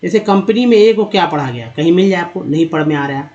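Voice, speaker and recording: A man teaching English reading, sounding out words slowly and repeating them for his viewers. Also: on the high side, animated, darkish tone, lo-fi sound. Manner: slow, repeats words syllable by syllable; addresses viewers as friends. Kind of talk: spoken phonics lesson.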